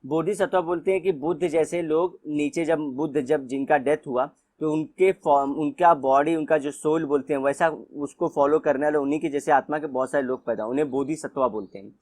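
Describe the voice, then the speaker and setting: A young man with an Indian accent giving an exam-prep lecture, explaining in Hindi mixed with English and reading textbook lines slowly. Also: on the high side, fairly even intonation, a little mellow. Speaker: teacher.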